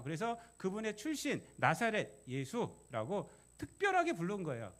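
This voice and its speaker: A male pastor preaching a sermon, emphatic, repeating key phrases and putting questions to the congregation. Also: high-pitched.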